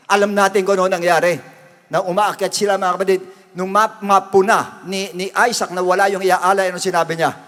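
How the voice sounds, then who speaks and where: Male pastor, high-pitched, emphatic repetitive sermon delivery, echoing hall. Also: fairly bright tone. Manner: emphatic preaching, repeats "brothers and sisters" often. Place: church. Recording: long reverb of a church hall.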